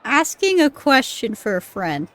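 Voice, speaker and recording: A woman with a fairly high, sing-song voice streams a game at a measured pace, game music playing behind her. Her commentary is casual and sweary as she muses aloud and pokes fun at herself.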